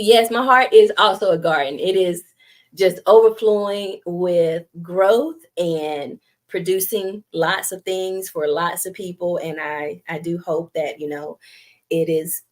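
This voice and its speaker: With a light, youthful voice that sits on the low side, a middle-aged Southern American woman speaks slowly on her live stream. She's chatty and giggly, reads viewer comments out loud, and often laughs at herself.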